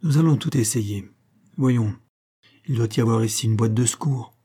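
A man voicing an older, distinguished doctor who speaks in a measured, serious way. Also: medium pitch, dark tone, slightly rough, natural voice. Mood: earnest. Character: older distinguished male physician, calm and earnest.

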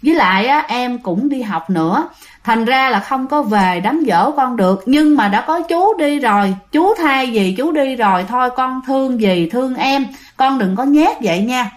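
A worried middle-aged aunt in a spoken ghost story, soothing and pleading, voiced by a woman narrator. The voice stays close to the teller's own, a little high. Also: animated, normal speed.

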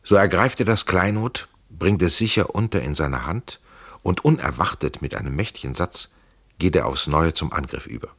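Deep, husky male storyteller. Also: lively intonation, moderate pace, fairly bright tone, no room sound, clean studio sound. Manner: dramatic, vivid storytelling. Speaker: narrator. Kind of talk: dramatic audiobook narration.

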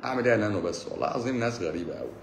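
A man in his forties with an Egyptian Arabic accent, chatting casually on a live stream, sarcastic and mocking, swinging between loud outbursts and low mutters. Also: sing-song, rapid-fire, echoey room, a little hiss or hum. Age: 40s. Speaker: doctor hosting a live stream. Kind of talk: casual live-stream chat answering comments.

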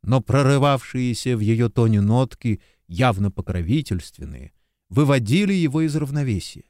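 Man, audiobook narration, measured, animated intonation, dry close mic. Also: mid-range voice, no room sound. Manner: expressive, measured storytelling. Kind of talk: scripted narration.

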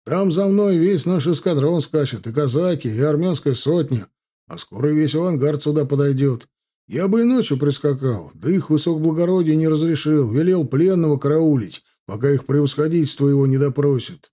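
A man voicing an eager young cavalryman giving a shouted, excited report in an audiobook. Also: on the high side, normal speed, natural voice.

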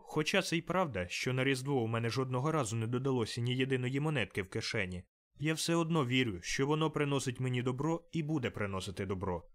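A man voicing Scrooge's cheerful, warm-hearted young nephew in an audiobook, with an eager, pleading tone. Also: mid-range voice, natural voice. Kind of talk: audiobook character reading.

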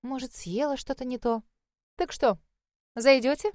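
A woman voicing a chatty, fussy middle-aged lady who talks high and effusively. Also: a little slow, darkish tone, no room sound, studio quality. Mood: gushing.

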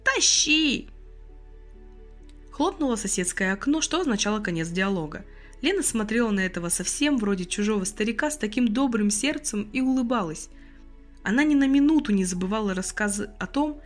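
Female audiobook narrator, lively pitch, slightly high voice, faint music underneath. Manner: expressive, storytelling.

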